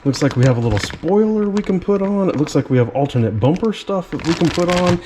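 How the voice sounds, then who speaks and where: Excited man unboxing a drift car. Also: on the high side, fast, background noise. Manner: enthusiastic, exclaiming over features; talks to viewers directly. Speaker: RC car reviewer. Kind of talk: product unboxing and review.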